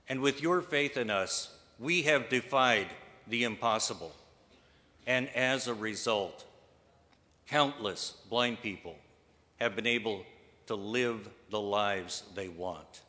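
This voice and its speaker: A man giving a formal tribute speech, measured and earnest, with deliberate pauses. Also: mid-range voice, pushed and bright. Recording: reverberant hall.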